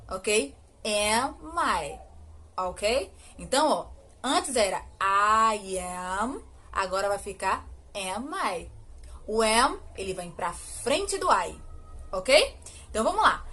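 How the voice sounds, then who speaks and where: A Brazilian woman with a fairly high voice teaches English grammar to children. She speaks in quick explanations, then draws out each example sentence slowly and checks in with rhetorical questions. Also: pushed and bright. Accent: Brazilian Portuguese. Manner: slow, drawn-out model English sentences between quick explanations; asks rhetorical questions, frequent "ok?". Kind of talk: recorded online grammar lesson.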